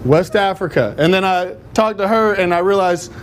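A man's voice: sits high, normal speed, slight background noise. A man teaching a church class in a casual, joking, rambling way. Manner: joking, rambling, self-deprecating.

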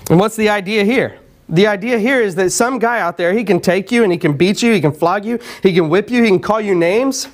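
A man preaching a sermon in a conversational way, often repeating words and clearing his throat. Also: high voice, brisk. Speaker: pastor.

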